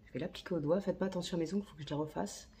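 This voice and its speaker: Chatty woman with a gravelly voice. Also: fairly low pitch, very fast, warm tone, a little hiss or hum. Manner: chatty, slangy, talks to herself. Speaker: beauty vlogger. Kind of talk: casual makeup tutorial chat. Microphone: phone camera.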